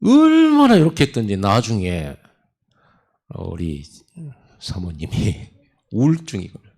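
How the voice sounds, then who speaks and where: A man from Korea, a pastor, preaching a sermon in a conversational storytelling way with sudden loud emphasis. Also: lowish voice, wildly swooping pitch, unhurried. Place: church sanctuary.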